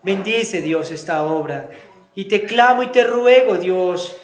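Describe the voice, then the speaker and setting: A man preaching a sermon in Spanish, rising into emphatic bursts and then praying quietly and fervently. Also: high-pitched, takes it slowly, reverberant. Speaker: pastor. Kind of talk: sermon and spoken prayer.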